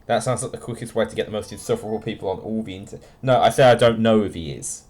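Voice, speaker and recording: A young man streams a game live, his voice set a touch low. He talks in a dry, wry, offhand way and answers viewers by name. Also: fast, darkish tone. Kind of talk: casual live-stream chat while playing.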